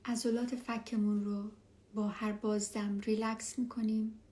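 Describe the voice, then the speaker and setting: A woman leading a guided relaxation meditation as an instructor, speaking softly and soothingly, often near a whisper, with unhurried pauses. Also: mid-range voice, little pitch movement. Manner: unhurried, with long pauses between phrases.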